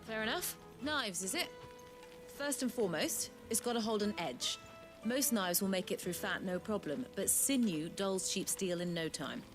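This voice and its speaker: A woman's voice: mid-range voice, lively intonation, moderate pace, soft background music, natural voice. An actress playing a blunt, no-nonsense butcher woman in a video game. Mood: brisk. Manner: matter-of-fact, no-nonsense. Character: blunt, brisk female market butcher.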